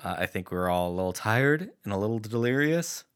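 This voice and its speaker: A man with a slightly low voice hosts a podcast in a relaxed, upbeat way. He talks casually, filling gaps with ums and uhs. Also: a little fast, smooth. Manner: chatty and upbeat, with filler words. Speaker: podcast host.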